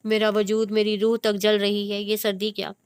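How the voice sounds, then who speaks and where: A woman's voice: medium pitch, completely flat delivery, moderate pace, smooth, no room sound, studio quality, natural voice. A woman voicing a heartbroken young woman who speaks with intense despair. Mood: anguished.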